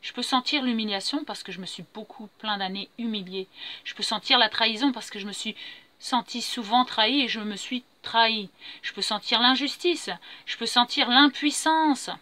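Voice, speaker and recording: Her pitch fairly high and her delivery pushed and bright at a normal speed, a middle-aged woman vlogs about her personal growth without echo. The spontaneous spiritual monologue circles her feelings again and again, earnest and self-affirming.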